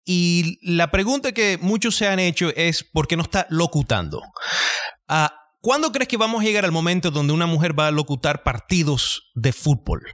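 A man interviewing a guest, asking probing questions with halting restarts. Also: fairly high pitch, lively intonation, a bit bright.

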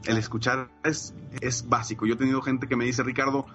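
A man's voice: mid-range voice, little pitch movement, brisk, fairly bright tone, highs cut off, faint music behind. A man, a coach and podcaster, talking emphatically and enthusiastically in a casual podcast chat. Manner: enthusiastic, emphatic, frequent fillers like "eh" and "pues".

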